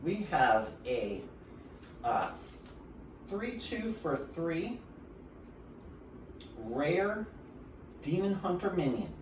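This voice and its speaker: A man's voice: on the high side, very animated, very slow, long pauses. A man co-hosting a podcast in casual chat, explaining game cards at length and laughing often. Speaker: podcast co-host. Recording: roomy, distant mic with background noise.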